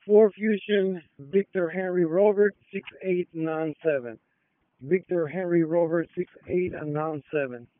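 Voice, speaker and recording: A male police officer's voice comes through a two-way radio, narrow and tinny, with a clean, crisp tone. He talks in clipped radio chatter, spelling plates out in phonetic code. The sound is dry with no room around it. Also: high-pitched, unhurried, no room sound. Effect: heard over a two-way police radio.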